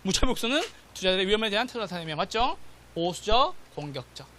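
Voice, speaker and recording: Animated high-voiced male lecturer. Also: very fast, a little hiss or hum. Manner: animated, checks in with "맞죠?" and "됐죠?", acts out quotes. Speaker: real estate exam lecturer. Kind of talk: classroom lecture.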